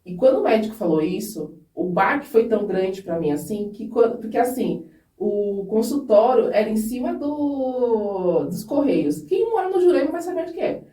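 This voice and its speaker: Woman, podcast guest, candid storytelling, earnest, mellow tone, echoey room, off-mic. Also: fairly high pitch, sing-song, moderate pace, distant mic. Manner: earnest and candid, with frequent restarts. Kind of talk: personal storytelling in a podcast interview.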